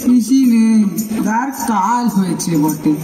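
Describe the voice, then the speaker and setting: A woman's voice: a little high, lively intonation, takes it slowly, over music. Woman playing brazen wheedling uncle, echoey stage. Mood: brazenly familiar. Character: wheedling man claiming to be a long-lost uncle. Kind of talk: amateur stage comedy acting. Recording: echoey stage, distant mic.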